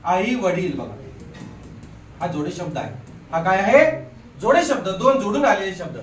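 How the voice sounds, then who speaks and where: A male grammar teacher giving a live classroom lesson, quizzing his students with quick questions and repeating "look here". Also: sits high, lively intonation, slight background noise. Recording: echoey room from a distant mic.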